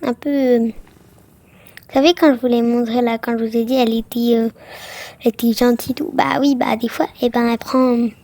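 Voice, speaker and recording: A woman's voice: a little high, level tone, brisk, dark tone, no echo. A woman casually commenting on a game she plays for viewers, chatty and full of exclamations and filler words. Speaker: gaming vlogger.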